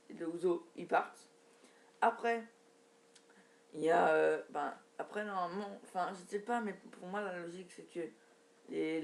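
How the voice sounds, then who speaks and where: A man vlogging his wrestling predictions from his notes, talking in a hesitant, halting way with many restarts. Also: fairly high pitch, darkish tone. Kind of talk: casual spoken predictions from notes.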